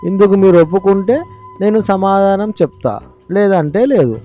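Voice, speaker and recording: A man voicing a poor, bold young farmer in a storybook cartoon, answering with quick wit. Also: high voice, lo-fi sound, faint music behind, natural voice. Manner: bold, quick-witted replies.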